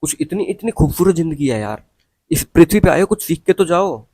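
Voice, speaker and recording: A man's voice: on the high side, big pitch swings, a little fast, dark tone, no echo. Blunt, preachy young man. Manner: blunt, preachy, mixes English phrases and slang. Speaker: vlogger. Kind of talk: casual opinion rant.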